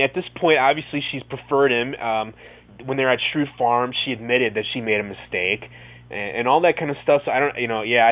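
A man co-hosting a podcast, talking casually and in a rambling way about a TV show. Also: medium pitch. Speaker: podcast co-host. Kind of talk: casual TV episode discussion. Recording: thin, phone-like audio.

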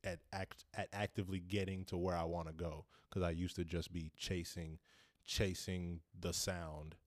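A young man, a rapper and producer, answering interview questions in a relaxed, rambling way with restarts. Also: deep voice, moderate pace, dry recording, clean studio sound.

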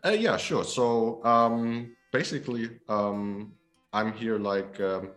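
A young man with a German accent chats as a podcast guest, rambling through his stories with plenty of "um"s and restarts. His voice sits fairly low and he sounds animated. Faint music runs underneath. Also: takes it slowly. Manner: animated storyteller, many fillers and restarts. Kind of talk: casual interview chat.

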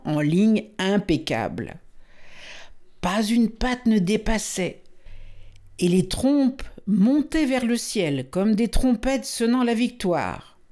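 A woman narrating a storybook in a calm, measured reading. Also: mid-range voice.

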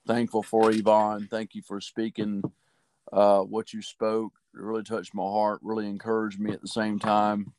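Low-voiced male podcast co-host, earnest and casual, dry close sound. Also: monotone, normal speed, darkish tone, no echo. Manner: earnest, loose, many fillers. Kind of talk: casual faith chat.

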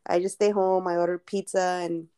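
A woman's voice: lowish voice, flat delivery, normal speed, dark tone, clean tone. A woman in her thirties co-hosting a podcast, chatting loosely and laughing often. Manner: laughs often, rambling restarts. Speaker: podcast co-host. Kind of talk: casual chat.

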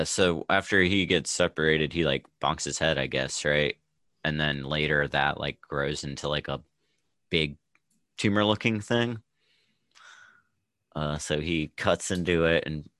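A man's voice: very deep voice, bright, forceful tone, no echo. A man co-hosting a podcast, talking in a laid-back way full of fillers and trailing thoughts. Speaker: podcast co-host. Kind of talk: casual chat.

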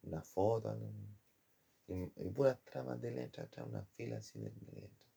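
Speaking at a normal speed, a man with a lowish, warm, slightly rough voice and vocal fry recalls his days studying design. He has a Chilean accent, tells the story in a rambling, slangy way, and keeps addressing the listener as "compadre."

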